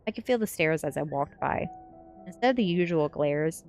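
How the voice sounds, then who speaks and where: With faint music playing behind her, a woman streamer reads a gothic teen story aloud like an audiobook narrator. Her low-pitched voice is animated and a bit dark in tone, moving at a normal speed.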